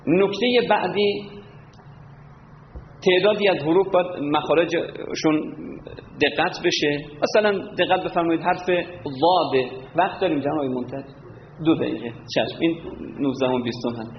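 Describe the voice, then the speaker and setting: A man teaching prayer recitation, lecturing and demonstrating verses with slow chanting. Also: a little high. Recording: roomy hall, dull lo-fi sound, faint background hum.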